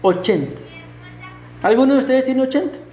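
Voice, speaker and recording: A middle-aged man preaching a sermon as pastor, animated and full of rhetorical questions to the congregation. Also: very high-pitched, normal speed, slight background noise. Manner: acts out quoted voices and a stutter. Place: church sanctuary. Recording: echoey church hall.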